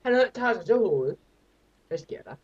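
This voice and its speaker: A woman giving live reaction commentary while watching a film, narrating what happens with excited gasps and exclamations. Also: fairly low pitch, breathy edge, lo-fi sound. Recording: noisy home recording.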